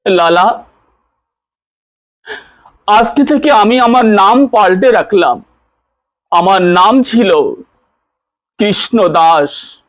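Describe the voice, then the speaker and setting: A man's voice: sits high, expressive, extremely slow, pauses often, no echo, heavily acted. A male preacher voicing a devout elderly holy man in a retold devotional story, pleading earnestly to his deity.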